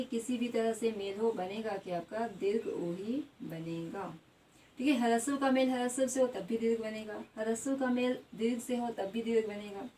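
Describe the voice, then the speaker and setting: Woman, teacher, classroom lesson, repeats words slowly, a bit far from the mic. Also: a little high, darkish tone. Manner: asks the class questions and answers them herself, repeats words slowly; adds a tag question after most points. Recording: slightly distant mic with faint background noise.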